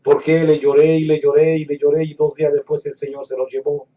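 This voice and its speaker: A fairly high-voiced man delivering a heartfelt sermon, sinking to hushed tones and then swelling into emphatic declarations. He sits a little back from the mic, and the sound is dull and muffled. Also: monotone, a little fast. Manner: earnest, swings from hushed lows to emphatic raised declarations. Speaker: preacher. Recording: muffled, somewhat distant mic.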